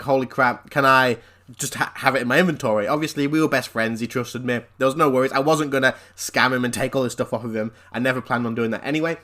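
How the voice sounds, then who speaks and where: A man, a gaming channel host, telling a story-time vlog in an animated, rambling way with repeated phrases. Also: medium pitch.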